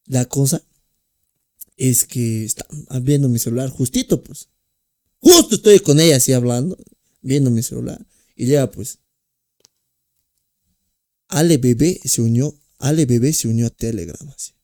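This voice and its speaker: A man co-hosting a casual podcast, animated and storytelling. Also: medium pitch, moderate pace, pauses often. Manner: animated storyteller, voices himself and his partner. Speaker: podcast co-host. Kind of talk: casual chat.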